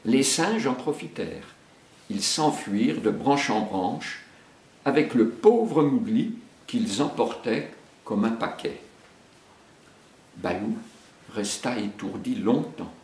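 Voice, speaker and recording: Homme qui lit un conte, lent et expressif. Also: male voice, medium pitch, a little hiss or hum. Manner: slow, expressive storybook reading. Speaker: storyteller for children. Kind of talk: reading a children's story aloud. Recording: echoey room.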